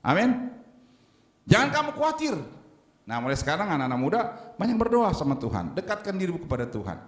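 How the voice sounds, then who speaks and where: A male pastor delivers a sermon in a high, very lively voice, leaning hard on some phrases and dropping low on others. The sound carries a roomy church echo around him. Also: fast. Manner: lively preaching, swinging between loud emphatic lines and low quiet ones. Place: church sanctuary.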